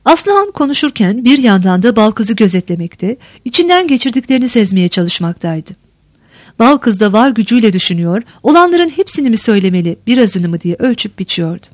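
A woman narrating a historical novel in a measured storytelling manner. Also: a little high, sing-song, dry recording, studio quality. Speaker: audiobook narrator. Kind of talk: audiobook reading of a historical novel.

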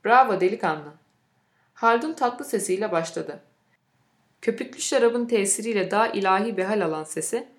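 Female narrator, mid pitch, measured audiobook read, roomy echo.

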